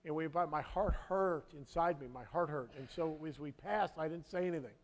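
Male pastor with a fairly high voice, live sermon, halting storyteller who swells into emphatic preaching. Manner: earnest, halting storyteller with many restarts; builds to loud, emphatic preaching. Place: church sanctuary.

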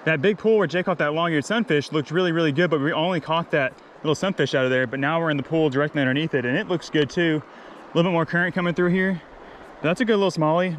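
A fishing vlogger films himself wading a mountain creek outdoors, excitedly chatting about where the fish should be as he fishes. His voice is fairly high, with slight background noise in the casual commentary.

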